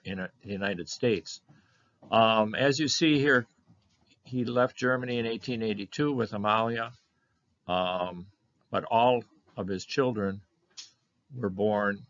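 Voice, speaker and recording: An older man presenting a slide lecture on his family history, halting often with fillers and restarts. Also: lowish voice, fairly bright tone. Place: meeting room of a historical society. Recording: dull lo-fi lecture recording.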